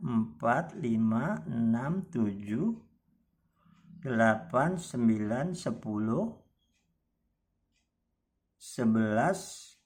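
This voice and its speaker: A man teaching tajwid, patiently explaining reading marks and stretching out recited example words. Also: medium pitch.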